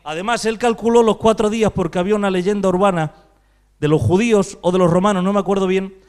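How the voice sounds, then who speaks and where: A man's voice: high voice, steady tone, quick pace, darkish tone, smooth. A man from Spain preaching a sermon as pastor, with rhetorical questions and rising intensity. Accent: Spain Spanish.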